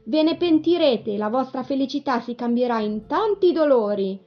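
A woman's voice: a little high, lively intonation, moderate pace. A greedy storybook spider, as a woman puts him on, gloating over his prey and grumbling threats in a slightly raised voice. The recording is dull and lo-fi. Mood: threatening. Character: greedy hairy male spider, acrobat. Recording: dull lo-fi radio broadcast.

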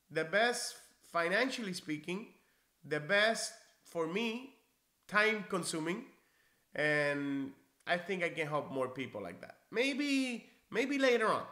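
Born in Cuba, this man teaches NCLEX prep on a live stream, reading viewer comments from a leather chair in a small indoor office. His voice is bright, a little high, and echoey, and his manner stays friendly, encouraging, and conversational, with restarts.

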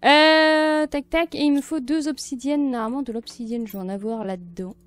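A woman's voice: sits high, moderate pace. A woman casually commenting on her gameplay, thinking aloud and chatting to viewers and the game. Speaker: let's play streamer.

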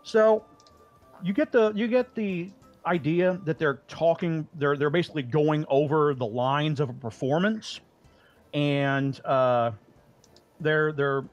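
A man's voice: fairly high pitch, slow pace, lo-fi sound, faint music behind. A man narrating as the dungeon master of a tabletop game, often stumbling and repeating words as he describes scenes.

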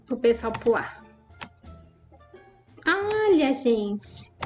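A woman gaming YouTuber with a slightly high voice gives chatty, exclaiming commentary over her Roblox gameplay. She talks straight to her viewers, and the sound is lo-fi.

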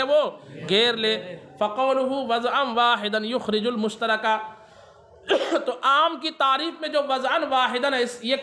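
A male religious teacher giving a classroom lecture, reading Arabic text slowly and then explaining it, often asking a question and answering it himself. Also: very high voice, sharp tone.

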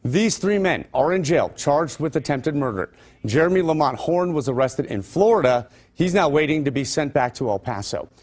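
A man's voice: a little high, lively intonation, moderate pace, a little mellow. A male news anchor reading local stories with loose, conversational ad-libs. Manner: loose and conversational between scripted items. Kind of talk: news reading with ad-libbed asides.

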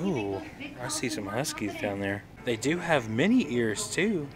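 A man's voice: mid-range voice, very animated, a little slow, a crowd in the background. A man talking casually while filming a walk through a gift shop, pointing things out as he goes. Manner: chatty, points things out as he films. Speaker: vlogger.

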